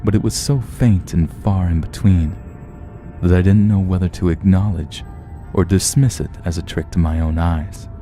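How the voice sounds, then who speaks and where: A man narrating a horror story in a slow, measured, somber way. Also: low voice, steady tone, dark tone. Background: faint music.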